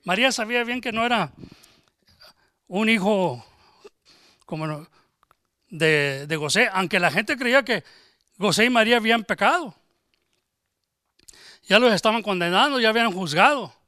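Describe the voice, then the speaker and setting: A man's voice: sits high, animated, moderate pace, long pauses, sharp tone, no room sound, clean studio sound. A man preaching a sermon, emphatic, asking rhetorical questions and acting out conversations.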